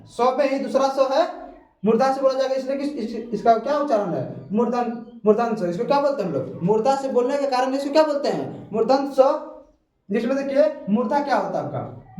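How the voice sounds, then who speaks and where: A man's voice: extremely high pitch, darkish tone. A man teaching a grammar lesson, patiently repeating points and asking questions he then answers himself. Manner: repetitive, patient explaining. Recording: echoey room, far from the mic.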